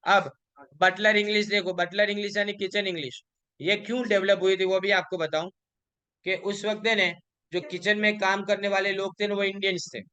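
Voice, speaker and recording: A man teaching an exam revision lecture, asking questions and answering them himself, and reading English examples slowly. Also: high-pitched, steady tone, sharp tone, smooth. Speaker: college lecturer.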